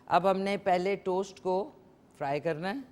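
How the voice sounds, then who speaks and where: A woman's voice: on the low side, darkish tone, a little hiss or hum. A woman hosting a live morning TV show, chatting casually as she cooks and talks to viewers and callers. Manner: chatty, code-switching with English words, talks to viewers and callers. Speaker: morning show host cooking on air. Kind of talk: casual live cooking demonstration.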